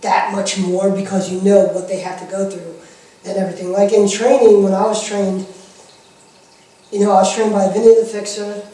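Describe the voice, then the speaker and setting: A man's voice: sits high, little pitch movement, normal speed, warm tone. Echoey, talkative male interviewee, off mic. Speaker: pro wrestling manager being interviewed. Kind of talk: casual interview chat. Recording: echoey room, far from the mic.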